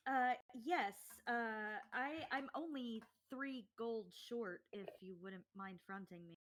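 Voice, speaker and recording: A woman's voice: on the high side, takes it slowly, a bit bright, slight background noise. A woman playing a tabletop role-playing game, speaking casually and rather hesitantly in character and out. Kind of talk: casual role-play chat.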